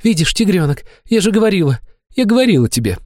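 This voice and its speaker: A man voicing a meek young woman who pleads in a soft, raised voice. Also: high-pitched, big pitch swings, quick pace, no room sound, studio quality, pitched above the performer's own voice. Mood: reassuring.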